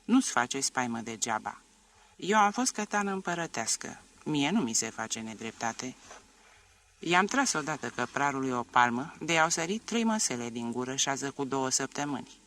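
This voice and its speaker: A man's voice: medium pitch, expressive, bright, forceful tone. A man playing a blunt old soldier peasant.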